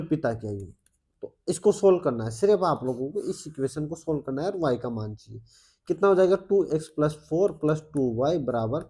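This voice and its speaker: A man with an Indian accent coaching students through exam maths, his voice sitting fairly high. He pushes his points loudly, keeps asking questions, and drops to a mutter while he works out sums. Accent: Indian Hindi. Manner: loud, then muttering calculations under his breath. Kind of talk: solving maths problems step by step.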